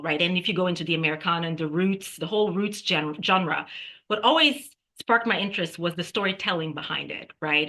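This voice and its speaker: A singer-songwriter woman from Brazil talks about her path in music. Her voice is bright and a little low, and she thinks aloud with fillers, tagging her points with "right?". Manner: reflective, halting with fillers, frequent "right?". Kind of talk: casual interview talk.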